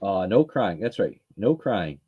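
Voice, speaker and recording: Brief: woman livestream host, husky voice, lively pitch, teasing and chatty. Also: unhurried, dry recording, narrow, tinny audio. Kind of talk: casual livestream chat.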